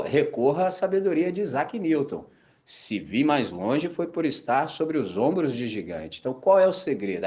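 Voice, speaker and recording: A man from Brazil preaching a sermon and telling funny anecdotes in slangy, animated speech. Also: medium pitch. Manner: animated storytelling, slangy and laughing. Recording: dull lo-fi recording.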